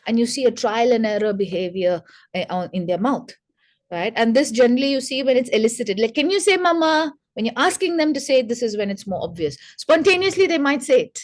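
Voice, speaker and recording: A woman's voice: on the high side, lively intonation, quick pace, darkish tone. Woman speech therapist explaining to parents. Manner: explanatory, demonstrates speech sounds aloud; addresses listeners directly, conversational asides. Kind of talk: educational webinar talk to parents.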